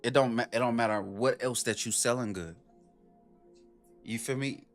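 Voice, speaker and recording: A man ranting on a stream, his speech animated, profane and full of rhetorical questions. His voice sits at an ordinary pitch. Soft music plays underneath. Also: moderate pace. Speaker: streamer reacting to a video. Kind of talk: casual stream commentary.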